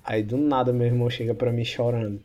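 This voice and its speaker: A man's voice: medium pitch, level tone, fast, mellow, muffled recording, faint music behind. Slangy young man telling school stories. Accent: Brazilian Portuguese. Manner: slangy, swears a lot, laughs while telling stories. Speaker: podcast co-host. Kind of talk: casual storytelling chat.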